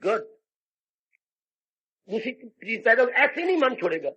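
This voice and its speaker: A man giving a scripture discourse as a swami, preaching in an animated, repetitive way and acting out small scenes, on a dull lo-fi 1990s tape. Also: very high voice, a little slow, breathy edge. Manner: animated, repetitive, acts out dialogue. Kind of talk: scripture sermon with acted stories.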